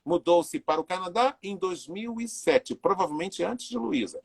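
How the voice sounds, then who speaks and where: A man's voice: sits high, normal speed, creaky. A man in his sixties hosting a live video interview, chatty and full of fillers as he greets viewers. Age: 60s. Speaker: interviewer and live show host.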